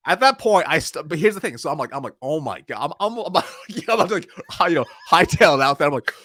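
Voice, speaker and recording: A man's voice: a little high, expressive, quick pace, a bit bright, dry recording, studio quality. A man in his thirties, a sales coach and podcast guest, telling a story animatedly, often laughing and acting out what people said.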